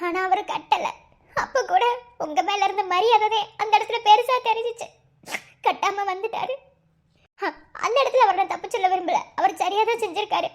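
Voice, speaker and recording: Arundhathi, a tearful village girl. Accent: Madurai Tamil. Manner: tearful, pleading, high and thin. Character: young village woman begging to wed her love. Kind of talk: cartoon voice acting.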